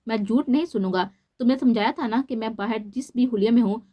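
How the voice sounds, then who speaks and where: A woman's voice: a little high, fast, muffled recording, lightly acted. A woman reading the lines of a stern, possessive young husband in a storybook novel, harsh and scolding. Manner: harsh, scolding, then softly coaxing.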